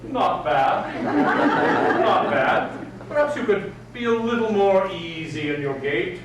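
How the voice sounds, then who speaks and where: A man's voice: high voice, lively intonation, slow pace, crowd noise. A man teaching an etiquette class live, speaking with prim, precise enunciation and formal, old-fashioned politeness. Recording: very echoey room, distant mic, faint noise.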